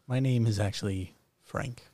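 A man voicing an old bearded antique shop owner who talks slowly and mysteriously. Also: on the low side, noisy background, natural voice.

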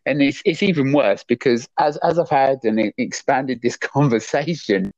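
A man's voice: mid-range voice, moderate pace, darkish tone, dry recording. A man co-hosting a podcast, ranting in a rambling, exasperated way with some swearing. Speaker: podcast co-host. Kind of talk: casual podcast chat, ranting. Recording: dull lo-fi dry recording.

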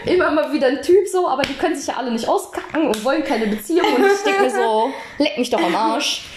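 A woman co-hosting a casual podcast chat, blunt and quick to laugh, with casual swearing. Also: high-pitched, expressive, a loud crowd. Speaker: podcast co-host. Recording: echoey room with faint noise.

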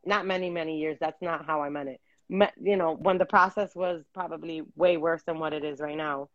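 A woman's voice: low voice, fairly even intonation, a little fast, no echo, highs cut off. Earnest woman rambling over a video call. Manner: earnest, rambling with many fillers and restarts. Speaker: podcast co-host.

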